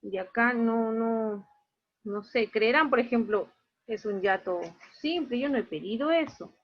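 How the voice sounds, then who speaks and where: A woman's voice: fairly high pitch, unhurried, highs cut off. A woman teaching an online class, going through her students' grades one by one and explaining each mark in a plain, matter-of-fact way.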